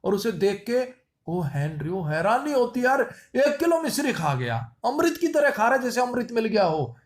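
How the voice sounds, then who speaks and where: A man with a high voice runs through quiz answers, one after another. He ties each answer to a silly pun and repeats it so it sticks. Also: sing-song, normal speed. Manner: playful wordplay, repeats lines. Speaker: quiz teacher. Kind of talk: memory-trick quiz lesson.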